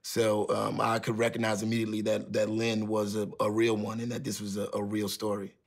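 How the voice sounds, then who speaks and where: Measured man with a flat delivery. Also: lowish voice, vocal fry. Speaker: hip-hop musician. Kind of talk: documentary interview.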